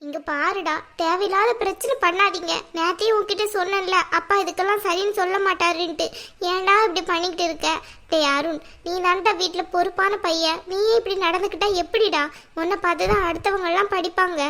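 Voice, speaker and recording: Lady doing a squeaky high cartoon mom, scolds her son, begs everyone to calm down. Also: fairly quick, full character voice. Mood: scolding. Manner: pleading and scolding. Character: worried middle-aged mother, scolding peacemaker. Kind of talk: cartoon voice acting.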